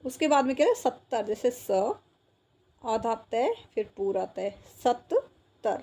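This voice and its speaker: A woman's voice: on the high side, animated, a little slow, dark tone. A woman teacher patiently explaining a textbook exercise to young children, repeating words and checking that they follow.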